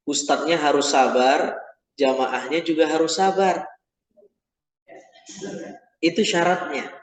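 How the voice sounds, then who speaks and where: A man teaching an informal religious class, chatty and teasing his audience. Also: fairly high pitch. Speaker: Quran teacher. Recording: echoey hall, mic far off.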